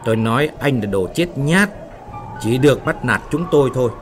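A man voicing frightened, quarrelsome female factory workers in a spoken ghost story, shrill and scolding. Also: expressive, normal speed, over music, natural voice. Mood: taunting.

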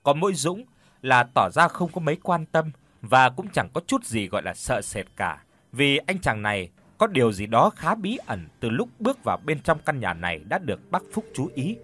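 Guy telling a spooky story, pitch jumps all over, dramatic. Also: sing-song, normal speed, fairly bright tone, husky, dry recording. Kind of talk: scripted horror narration.

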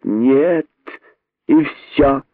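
Man voicing a female monkey mother, sharp-tongued, mocking, slow drawl, tinny sound. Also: mid-range voice, very animated, no echo, heavily acted. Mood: stern. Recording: narrow phone-like band.

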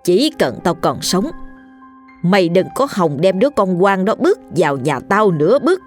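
A woman's voice: lowish voice, sing-song, moderate pace, faint music behind. A woman voicing a stern, proud wealthy mother who speaks harshly and with scorn. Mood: scornful.

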